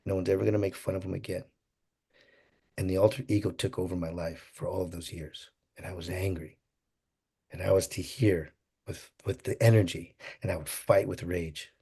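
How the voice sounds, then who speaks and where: A man telling an emotional personal story to an audience, swinging from hushed to excited. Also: low-pitched, normal speed, vocal fry, breathy edge. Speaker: motivational speaker.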